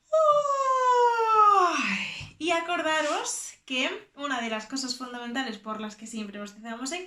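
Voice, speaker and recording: A woman from teaching a choir vocal lesson, explaining technique slowly and demonstrating sung exercises and animal sounds. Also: fairly high pitch, bright, forceful tone, reverberant.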